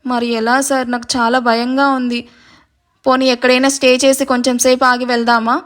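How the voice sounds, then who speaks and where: A woman's voice: sits high, level tone, moderate pace, natural voice. A woman voicing a timid young woman who politely pleads in a spoken storybook. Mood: pleading.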